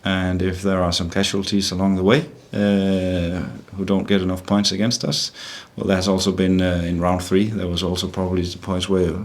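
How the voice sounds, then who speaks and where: Speaking English with a Danish accent at a press conference, a middle-aged football manager from Denmark uses a low, deep voice and a completely flat delivery. His speech is halting, with words often repeated before he settles on what to say.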